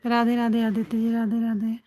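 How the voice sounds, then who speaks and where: A woman's voice: on the high side, completely flat delivery, normal speed, warm tone. A woman hosting a casual phone livestream, chatting with viewers and greeting them by name, often repeating short affirmations. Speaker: livestream host. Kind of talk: casual chat with live viewers.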